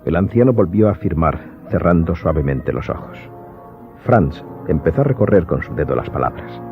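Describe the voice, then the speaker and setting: A deep-voiced man narrates a radio drama audiobook as the storyteller, reading a script expressively at a moderate pace. The audio is muffled and narrow-band, with faint music.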